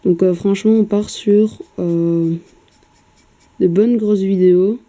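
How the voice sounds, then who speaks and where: Painting a miniature on camera at home, a woman keeps up a hesitant, chatty commentary loaded with fillers and the odd casual swear. She takes it slowly in a very dark, mellow, mid-range voice with fairly even intonation, recorded through a camera mic at her desk.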